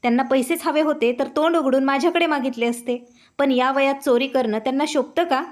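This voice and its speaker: A woman voicing a harsh, sharp-tongued young wife who accuses loudly. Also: high-pitched, fairly even intonation, a little fast, close to an everyday voice. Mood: accusing. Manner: loud, accusing.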